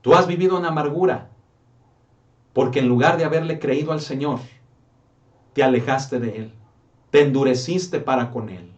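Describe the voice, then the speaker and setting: A man's voice: medium pitch, normal speed, pauses often, muffled recording. Pastor guy preaching, keeps asking questions and saying brother, sounds a bit far from the mic. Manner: preaching with rhetorical questions, often calling listeners brother. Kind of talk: sermon.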